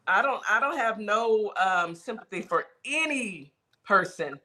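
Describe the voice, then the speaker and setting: Emphatic talk show host, bright voice. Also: medium pitch, expressive, measured pace. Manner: emphatic, repeats points for weight. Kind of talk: casual radio talk show chat.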